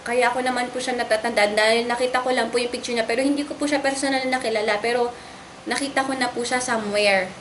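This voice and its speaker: A young adult woman giving an emotional first-person testimony in an interview. She speaks earnestly and politely, and she re-enacts her own frightened shouts as she tells the story. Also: fairly high pitch, steady tone, quick pace. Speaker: interviewee recounting a raid on her home. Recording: roomy echo with faint background noise.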